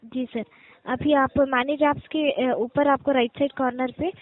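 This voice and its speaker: Over a muffled, narrow phone line, a woman with a high-pitched, steady, unhurried voice works as a customer care agent. She speaks politely and formally, using scripted support phrases and walking the caller through step-by-step instructions.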